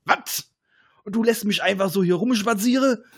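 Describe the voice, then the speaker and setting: A man's voice: high-pitched, normal speed, breathy edge, voice pushed up. A man voicing a small, whiny male alien who complains and reports measurements.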